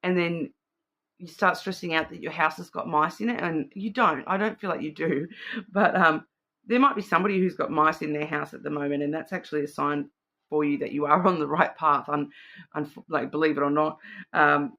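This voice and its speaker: A woman's voice: sits low, steady tone, moderate pace, sharp tone. A middle-aged woman giving a casual psychic card reading, thinking aloud in a rambling, intuitive way. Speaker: card reader.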